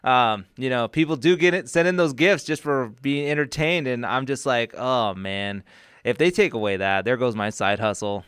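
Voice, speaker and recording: A man's voice: mid-range voice, moderate pace, a bit bright, smooth, no echo, studio quality. A man co-hosting a radio station podcast, laid-back and joking, laughing often. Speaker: podcast co-host. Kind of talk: casual chat.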